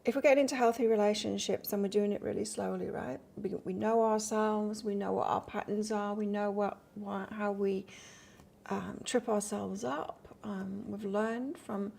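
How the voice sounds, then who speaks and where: A woman's voice: mid-range voice, fairly even intonation, moderate pace, creaky, a little mellow, slight background noise. A woman from the north of England with an accent mixed between northern English and Australian, giving a casual live-stream tarot reading in a chatty, rambling way and chatting with her viewers between cards. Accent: mix of northern English and Australian. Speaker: tarot reader.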